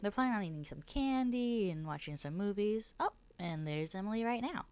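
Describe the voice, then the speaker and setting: A woman's voice: mid-range voice, lively intonation, a little fast, darkish tone, clear, resonant tone. A woman with a cold and a nasal voice, casually narrating a life-simulation game she is playing. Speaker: gameplay narrator.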